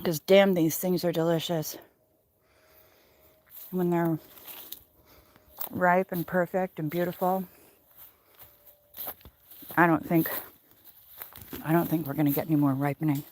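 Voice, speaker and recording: Walking through her neighborhood on a livestream, a woman hosts a walk-along in a casual, teasing, salty, wandering style. Her voice leans low and darkish, fairly even, a little slow with long gaps, over noisy handheld outdoor audio.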